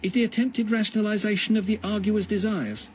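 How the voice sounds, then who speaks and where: A man voicing a high, eager schoolboy reciting. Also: steady tone, a little fast, slight background noise, natural voice, low-quality recording. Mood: dutiful. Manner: high, dutiful, recited answers. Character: eager young male prisoner reciting by rote.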